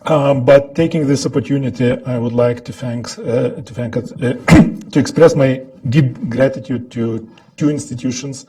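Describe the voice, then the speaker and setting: A man from Lithuania with a Lithuanian accent, giving deliberate, halting remarks as a scholar on a panel, often clearing his throat. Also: mid-range voice, warm tone, far from the mic, low-quality recording. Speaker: think-tank scholar, panel speaker. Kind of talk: prepared remarks at a panel talk.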